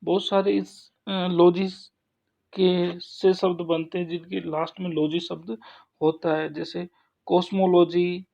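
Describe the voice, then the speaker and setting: A man teaching an English grammar lesson, explaining slowly with frequent pauses and restarts. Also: high-pitched, flat delivery, gravelly, a little mellow. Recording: dull lo-fi sound.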